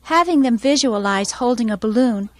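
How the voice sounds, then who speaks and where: A woman music teacher explaining her methods in a calm, measured instructional voice-over. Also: a little high.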